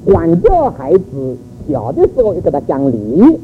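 A man's voice: a little high, wildly swooping pitch, a little slow. An older man giving a church sermon on raising children, telling stories animatedly and tossing in rhetorical questions. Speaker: church speaker. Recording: phone-like narrow audio with faint noise.

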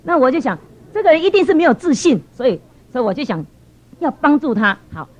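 A woman giving a lively church testimony, telling stories with animated expression. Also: high voice, fast. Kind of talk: storytelling testimony. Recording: dull lo-fi sound.

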